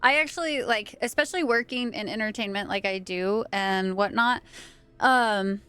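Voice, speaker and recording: A woman's voice: medium pitch, moderate pace, pushed and bright, clear, resonant tone. A young woman live-streaming a game, chatting casually and playfully, swearing now and then, close on the mic. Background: faint game music.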